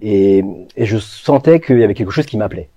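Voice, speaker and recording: A French-born man answers interview questions about his brand in a low, dark voice. He talks thoughtfully and hesitantly, with lots of fillers and pauses. His voice has a slightly husky texture and sounds dry and close. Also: animated, dry recording, lo-fi sound. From France. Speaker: co-founder of a natural products brand.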